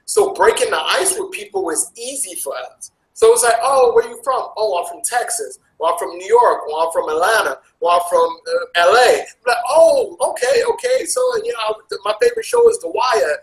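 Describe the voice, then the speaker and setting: A man with an American accent, talking casually as an interview guest, animated and jumping sharply in pitch. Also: normal speed, few pauses, reverberant, low-quality recording. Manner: animated, with big jumps in pitch. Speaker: interview guest, travel vlogger. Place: Asia.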